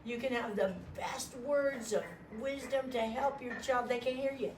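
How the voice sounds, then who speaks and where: An older woman leads a parenting workshop in a training room. Her pitch swings widely as she tells stories and slips into quick acted-out voices. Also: background noise. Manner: lively storyteller, acts out voices. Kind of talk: animated training talk to parents.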